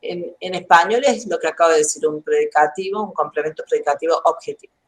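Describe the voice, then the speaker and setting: A woman's voice: deep voice, quick pace. A woman teaching a university grammar class online. She explains methodically, works through examples and checks that students understand. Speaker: grammar lecturer. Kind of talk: university lecture.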